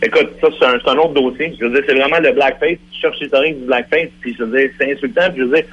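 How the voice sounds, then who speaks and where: A man's voice: mid-range voice, fairly even intonation, fast talker, husky. A man with a Quebec French accent, a radio guest arguing insistently in a heated debate. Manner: insistent, argumentative. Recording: lo-fi radio broadcast.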